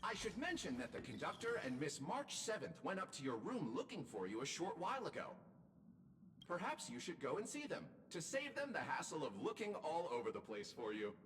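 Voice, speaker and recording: A man's voice: fairly high pitch, wildly swooping pitch, fairly quick, a bit bright, long reverb tail, a little hiss or hum. A man voicing a polite robot drink-serving attendant in a game, courteous and formal with a dry wit. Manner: courteous, formal, dryly witty. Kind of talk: game character dialogue.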